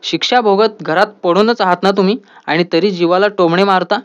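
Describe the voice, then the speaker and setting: Calm, firm young wife, a man reading her lines; fairly high voice, lo-fi sound. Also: fairly quick, natural voice. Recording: dull lo-fi audio.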